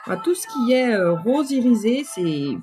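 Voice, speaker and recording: A woman's voice: a little high, very animated, unhurried, warm tone, faint music behind. A woman in her fifties with a runny nose, chatting casually to viewers while doing her makeup live. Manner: chatty, rambling, talks straight to viewers.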